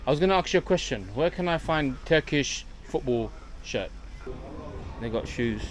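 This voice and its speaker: A London man with a London accent and a higher, animated voice chats at a moderate pace to his viewers, calling them guys, while filming a travel vlog. He's friendly and informal as he walks through an outdoor bazaar and its shops, amid busy street and crowd noise.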